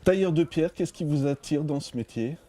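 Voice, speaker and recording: A man's voice: a little high, moderate pace, dark tone. A man working as a local TV reporter, asking friendly, leading questions outdoors. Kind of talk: outdoor interview. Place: outdoors by a church.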